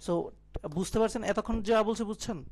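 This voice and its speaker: A man's voice: sits high, moderate pace, darkish tone. A young man teaching an IELTS listening lesson in an online class, explaining step by step, mixing in English terms and checking that his students follow. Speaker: IELTS tutor. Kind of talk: live online class lecture.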